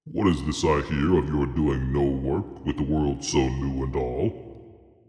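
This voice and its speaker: A man voicing a grand, stern male desert Jinn in a storybook, speaking slowly and weightily in an admonishing way. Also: rumbling low, fairly even intonation, mellow, pitched below the performer's own voice. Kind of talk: storybook character voice. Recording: roomy echo with long reverb.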